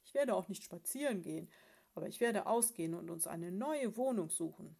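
A woman reading aloud, voicing a grumpy, indignant male bear father in a children's story, complaining loudly. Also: medium pitch, lively intonation, normal speed, close to an everyday voice.

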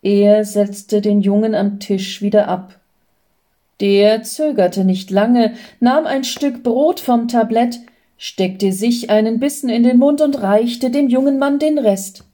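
A woman reading a Christmas story aloud in a calm, gentle way. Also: on the high side, takes it slowly.

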